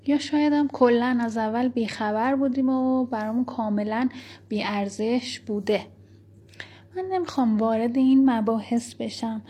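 A woman giving a reflective spiritual talk, speaking softly and slowly, sometimes dropping into a whisper and reciting scripture verses. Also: fairly high pitch, husky. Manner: soft, slow, at times whispered delivery. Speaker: spiritual teacher.

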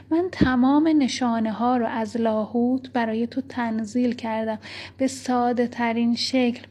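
A woman giving a reflective spiritual talk, speaking softly and slowly, sometimes dropping into a whisper and reciting scripture verses. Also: a little high, husky. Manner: soft, slow, at times whispered delivery. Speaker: spiritual teacher.

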